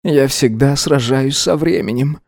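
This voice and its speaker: An audiobook reader narrates a scripted text in a calm, measured manner. His voice sits in the mid range, and the studio-quality recording has no room sound.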